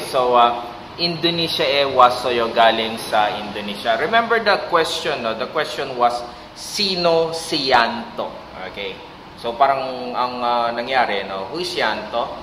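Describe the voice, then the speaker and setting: A man teaching a casual exam-prep language lesson, sounding tired and tagging his sentences with "no?" while mixing in English. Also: medium pitch. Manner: talks with a tag "no?", mixing English. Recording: echoey room with light hiss.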